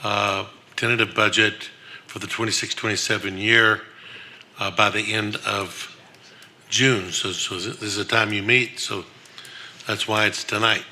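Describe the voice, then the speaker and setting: A man's voice: lowish voice, fairly even intonation, a little slow, bright, forceful tone, slight background noise. A man introducing a budget item at a board meeting, with brief dry jokes. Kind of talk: meeting remarks.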